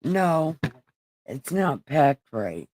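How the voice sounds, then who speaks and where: A woman in her forties hosting a casual livestream, loud and joking as she teases her friends. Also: low voice, sing-song, very slow, no room sound, rough recording. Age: 40s. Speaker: livestream host.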